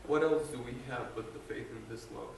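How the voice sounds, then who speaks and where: Speaking briskly, this young adult male student from Guatemala shares his personal faith story with earnest hesitation, often restarting and using fillers. His medium-pitched voice is creaky with a darkish tone. The recording was made without a mic, from far back in a large, echoey audience hall, and has slight background noise.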